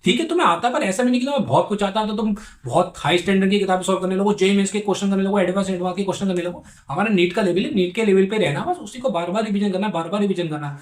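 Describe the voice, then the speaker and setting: A young man from India giving exam-prep advice in a casual, earnest vlog, repeating his points and speaking straight to his viewers. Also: high-pitched. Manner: rapid, earnest, repetitive, addresses viewers as bhai sahab.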